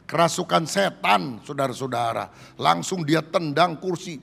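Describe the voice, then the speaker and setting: Preacher, man, fairly high gravelly voice, storytelling sermon, booming hall reverb. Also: animated, unhurried, a bit bright. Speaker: pastor.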